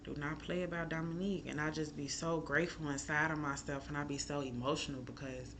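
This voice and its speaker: A woman's voice: sits low, fairly even intonation, fast, noisy background. A woman from Chicago, a chef and mother, talking candidly and emotionally in a casual personal vlog, rambling with many fillers. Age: adult with a school-age son. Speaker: chef and mom.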